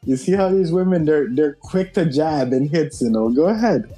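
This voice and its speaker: A man hosting a casual podcast chat, playful and quick to interject. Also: a little high, lively intonation, dark tone, faint music behind. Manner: playful, laughs often, interjects.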